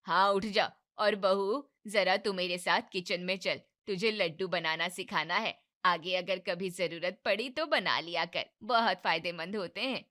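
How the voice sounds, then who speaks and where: A woman's voice: on the low side, a little slow, hardly any pauses, bright, forceful tone. A woman voicing a bossy but caring older mother-in-law in a cartoon family drama, scolding and commanding.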